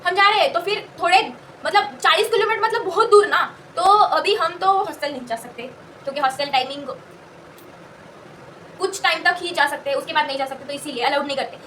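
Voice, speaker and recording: A woman's voice: extremely high pitch, brisk, sharp tone, distant mic, a little hiss or hum. A young woman telling a casual story, rambling and correcting herself as she goes. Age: young adult. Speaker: college student telling a story.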